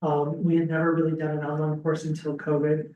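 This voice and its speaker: A man, a school dean, giving a relaxed information session to prospective students, with frequent ums and restarts, heard through a laptop webcam on a video call. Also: a little high, brisk, lo-fi sound, a little hiss or hum. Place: classroom with audience, also streamed on a video call. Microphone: laptop webcam some distance away. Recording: roomy, distant webcam audio.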